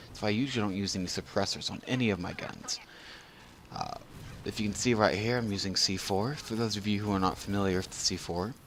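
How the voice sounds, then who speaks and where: A man's voice: deep voice, a bit bright, slight background noise. A drunk man giving casual, rambling video game commentary as a tutorial narrator, losing his train of thought.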